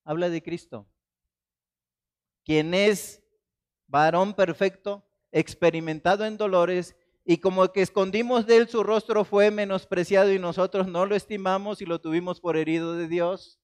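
A man from Mexico with a high-pitched voice preaches a Sunday sermon. He swings between raised, forceful emphasis and quiet, hushed quotations of scripture. The delivery is dramatic and personal. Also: steady tone, normal speed. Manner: dramatic, shifts between loud emphasis and soft quoted asides. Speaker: pastor. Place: church.

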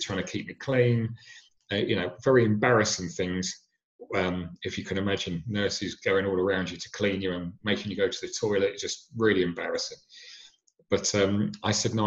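A middle-aged man earnestly recounts a serious injury, halting often with fillers and restarts. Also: low voice, roomy sound. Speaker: injury survivor telling his story. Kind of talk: personal storytelling. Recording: dull lo-fi sound.

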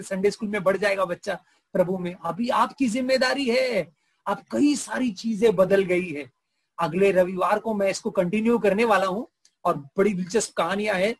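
A male pastor preaching a sermon, telling a story with lively prompts to his audience. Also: high-pitched, slightly rough, no echo.

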